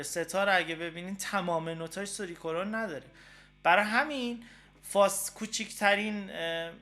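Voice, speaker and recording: A man from Iran hosts a relaxed, spoken guitar lesson. His voice sits high and sounds bright and forward. He rambles chattily, with plenty of filler sounds, and pauses to play short examples on the guitar. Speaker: guitar teacher and show host.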